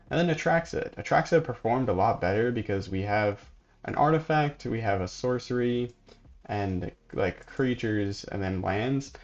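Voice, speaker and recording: A man hosting a gaming channel, casually commenting on gameplay and thinking aloud in a relaxed, sleepy way. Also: on the low side, muffled recording. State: sleepy, yawning.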